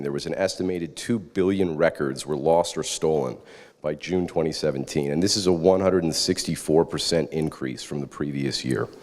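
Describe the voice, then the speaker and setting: Guy with a deep voice doing a polite formal podium speech, lots of hall reverb. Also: darkish tone. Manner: formal, courteous, rhetorical. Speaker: panel facilitator.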